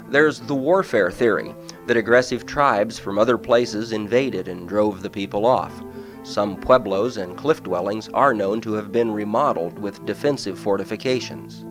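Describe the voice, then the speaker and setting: A man giving scripted documentary narration in a measured, explanatory way. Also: on the low side.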